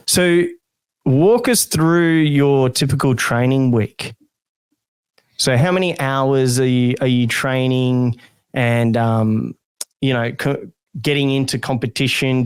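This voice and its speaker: A man's voice: mid-range voice, smooth, no echo. A man hosting a podcast interview, chatting casually and laughing easily. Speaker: podcast host.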